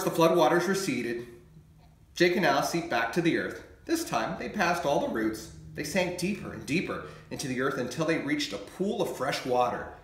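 A man reading his children's book aloud in an expressive, animated storytelling manner. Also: on the high side, echoey room.

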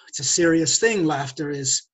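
Haughty, persuasive thief played by an older man, stage play: husky, very animated, condescending lecturer. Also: fairly high pitch, a little slow. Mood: smooth condescension. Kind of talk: stage play read over video call. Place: indoors, curtained room. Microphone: video call.

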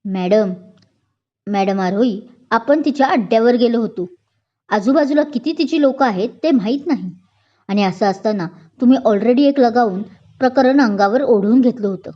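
A woman's voice: on the high side, expressive, moderate pace, highs cut off. A woman voicing a curt male police inspector. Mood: stern. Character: stern young male police inspector, irritable.

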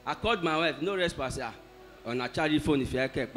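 A man giving a testimony in church, telling his ordeal in an animated way. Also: fairly high pitch, a little fast. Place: church hall.

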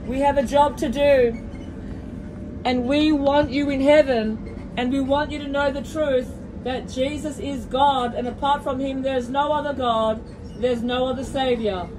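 Her intonation fairly even and her pace measured, a female street preacher fervently urges passengers on a moving train, repeating hallelujahs and appealing directly. She films it on a phone camera in her own hand, and loud train noise and rumble fill the audio.

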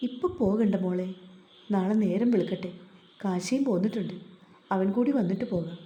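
A steady old grandfather who calms his family, soothing yet firm, as a woman narrator reads his part. The voice is mellow and sits in an echoey room. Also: medium pitch, a little fast, lo-fi sound, natural voice.

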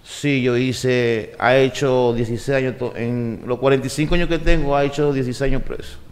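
Man in his forties, street-wise, relaxed talk, desk mic in a studio. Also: mid-range voice, brisk. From Puerto Rico, raised in New York and the Dominican Republic. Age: 40s. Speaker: guest. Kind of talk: casual interview talk. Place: podcast studio. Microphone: desk mic on boom arm.

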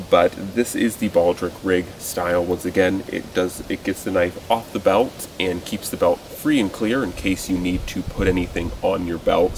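A young man sitting on a truck tailgate in a forest clearing, casually talking through his gear with fillers and restarts, recorded outdoors by a distant camera. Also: deep voice. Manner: relaxed, conversational, with frequent fillers and restarts. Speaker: outdoors video host. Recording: distant mic with loud outdoor noise.

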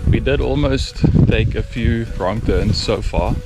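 A man in his thirties from South Africa talks in a relaxed, matter-of-fact way as he films himself on a hiking trail. His voice sits fairly low. He holds the camera at arm's length outdoors, and loud music plays behind him. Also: measured pace, low-quality recording. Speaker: travel vlogger. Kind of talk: casual travel vlog narration. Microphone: action camera held at arm's length.

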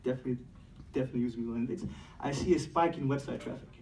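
A Belgian man in his thirties with a Belgian French accent gives a playful, energetic startup talk on stage in a large dark event room, speaking very fast in a mid-range voice. He acts out dialogues and laughs at his own jokes. Captured by a distant mic with the speaker far from camera, the audio is roomy with a little hiss or hum.

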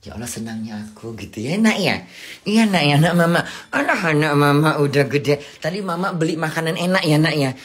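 A woman's voice: low-pitched, animated, moderate pace. A woman vlogging at home, grumbling about the rain and cooing and scolding at her cats in a casual monologue.

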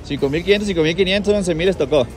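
High-voiced teasing Mexican man hosting outdoors. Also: very fast. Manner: playful teasing, slangy, cheering and counting down. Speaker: host of a street challenge. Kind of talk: casual street hosting, egging people on. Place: crowded outdoor plaza by a car. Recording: loud crowd and music outdoors.

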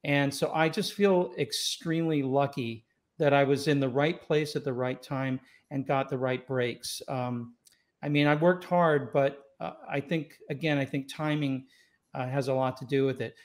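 Speaking at normal speed in a mid-range voice with fairly even intonation, a Scottish-born saxophonist in his sixties who grew up in Los Angeles reflects easily on the past, with many fillers and restarts. The relaxed storytelling interview happens over a video call, his studio mic on a boom arm, in a home room lined with wooden doors and shelves.

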